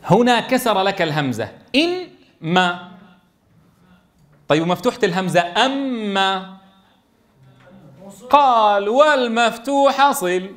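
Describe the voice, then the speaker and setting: A man's voice: sits high, big pitch swings, slow, long pauses, a bit bright. A man leading a classroom tajweed lesson for Quran teachers, explaining step by step and checking in with his students.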